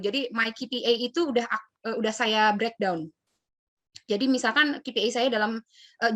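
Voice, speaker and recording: Chatty woman host, slightly high voice. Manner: chatty, acts out example answers. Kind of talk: casual advice chat.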